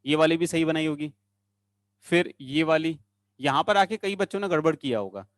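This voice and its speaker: A man's voice: fairly high pitch, normal speed, no room sound, studio quality. A man teaching chemistry in an online class, coaxing students along and repeating short phrases in a sing-song way.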